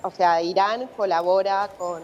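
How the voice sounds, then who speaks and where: A little slow and a little mellow, this woman's medium-pitched voice stays steady as she explains a situation in a live news interview. She is a journalist reporting from abroad with an Argentine accent, and the muffled remote link has long reverberation.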